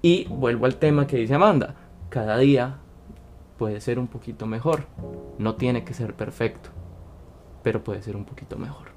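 A man's voice: mid-range voice, moderate pace, long pauses, darkish tone, faint music behind. A man hosting a casual motivational talk, speaking in an earnest, coaching way. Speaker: podcast host.

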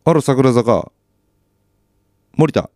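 A man's voice: mid-range voice, extremely slow, darkish tone, no echo, clean studio sound. A man chatting casually on his own while watching TV, with chatty asides and self-deprecating remarks. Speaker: solo podcaster.

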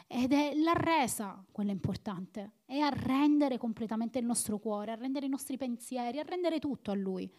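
A woman's voice: fairly high pitch, lively intonation, moderate pace, hardly any pauses, darkish tone. A woman preaching a sermon in an earnest, exhorting manner, repeating phrases for emphasis.

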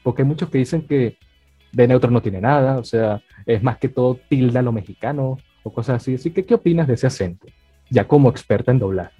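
A man's voice: medium pitch, brisk, mellow, slightly rough, no echo. A man hosting an interview, asking long, rambling questions full of fillers. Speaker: interview host. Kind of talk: casual interview talk. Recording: dry dull sound, faint music.

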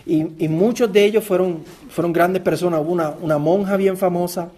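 High-voiced Puerto Rican pastor preaching. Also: male voice, fairly even intonation, a little fast, mellow. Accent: Puerto Rican Spanish. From Puerto Rico. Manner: earnest preaching, repeats words, asks the congregation direct questions. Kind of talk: sermon.

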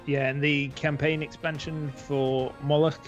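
A man's voice: on the high side, level tone, a little slow, highs cut off, faint music behind. A man co-hosting a podcast, talking in a rambling, enthusiastic way with many ums. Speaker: podcast co-host. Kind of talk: casual podcast chat.

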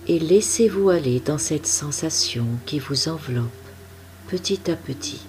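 Low, slow, calm meditation guide woman. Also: slight background noise. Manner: soft, calm, unhurried instructions.

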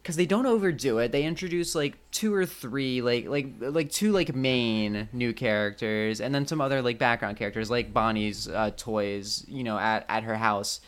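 A man's voice: medium pitch, moderate pace, few pauses, smooth. A man co-hosting a film podcast, chatting casually and rambling with many fillers. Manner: rambling, heavy use of "like" fillers. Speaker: podcast co-host.

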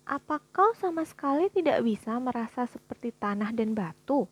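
A woman voicing a curious, blunt young girl in a storybook reading, with a breathy voice and eager, bright questions. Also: fairly high pitch, expressive, moderate pace.

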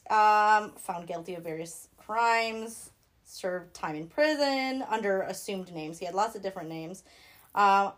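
A woman's voice: mid-range voice, measured pace, a bit bright. A young woman with a Minnesotan accent, co-hosting a casual true-crime chat and talking in a rambling, giggly way with many fillers. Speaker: podcast co-host.

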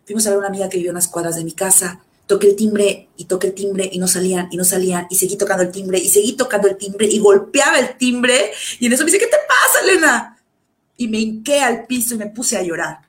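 A woman giving a personal testimony in a halting, emotional way, with many fillers and restarts, often dropping to a low, soft voice. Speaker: survivor sharing her story.

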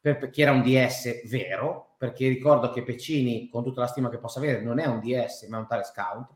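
A man's voice: medium pitch, fairly even intonation, a little fast. A man in a casual, heated football discussion, speaking emphatically and swearing in exasperation. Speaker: football fan panelist. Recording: roomy, echoing room sound.

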